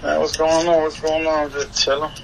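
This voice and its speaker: A young adult man, a hip-hop artist who left Haiti for the US at eleven and lives in Florida, chats casually as an interview guest. He's slangy, repeats his phrases and keeps saying "you know what I'm saying." His voice is a little high with a completely flat delivery at a moderate pace, and crowd noise clearly fills the background.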